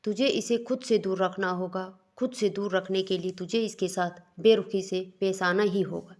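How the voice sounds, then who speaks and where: A man's voice: sits high, steady tone, moderate pace, lightly acted. A woman voicing a stern young husband, cold but caring, who talks in curt, scolding lines.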